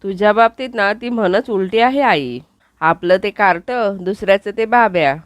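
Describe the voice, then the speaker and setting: A woman's voice: medium pitch, moderate pace, no room sound, studio quality, close to an everyday voice. A woman voicing a playful young husband in a TV serial recap, reading his joking lines in her own voice. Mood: teasing.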